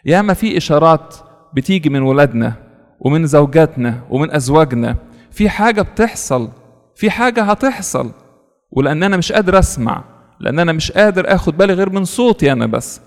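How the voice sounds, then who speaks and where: Egyptian priest, rapid sermon delivery, somewhat high voice, long hall reverb. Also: male voice. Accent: Egyptian Arabic. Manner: storytelling, earnest, repeats words for stress. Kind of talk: sermon with a story.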